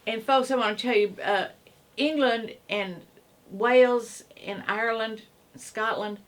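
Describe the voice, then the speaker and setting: Woman, radio co-host, slightly high voice, eager trivia teller. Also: a little slow. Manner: shares trivia eagerly, asks "isn't that interesting?". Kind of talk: casual radio chat.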